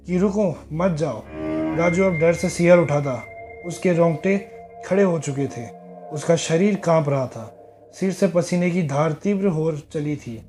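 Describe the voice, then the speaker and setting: A man narrating a horror story in a slow, suspenseful telling. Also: a little high, dark tone.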